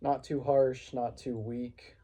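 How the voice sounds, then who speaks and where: A man's voice: mid-range voice, little pitch movement, slow, mellow. A man talking casually to viewers in a rambling, laid-back, informal vlog style. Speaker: vlogger. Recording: some background noise.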